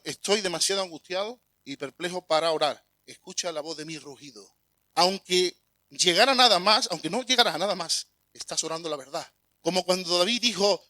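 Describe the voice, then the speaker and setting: A man delivers a sermon in a high, bright voice. He talks earnestly and swells into emphatic bursts when quoting. The recording is dry and close, with no room sound. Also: no echo. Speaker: preacher.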